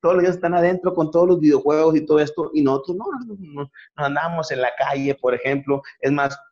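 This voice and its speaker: A man's voice: on the high side, fairly even intonation, fast talker, darkish tone, lo-fi sound. A middle-aged man with a Mexican accent, telling funny stories in casual chat as show host, with many restarts. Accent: Mexican Spanish. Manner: joking storyteller, many restarts.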